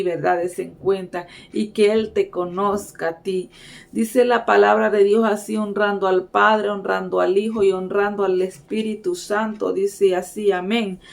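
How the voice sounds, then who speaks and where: A woman's voice: mid-range voice, vocal fry, a little mellow. A woman preaching a sermon, earnestly urging her listeners and tagging her phrases with a questioning filler. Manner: repeats "¿verdad?" as a filler, earnest exhortation.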